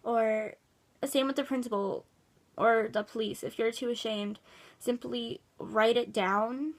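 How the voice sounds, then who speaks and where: A woman's voice: a little high, steady tone, unhurried. A woman vlogger giving earnest, emphatic advice to a viewer, upset and repeating her points. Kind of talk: casual advice vlog.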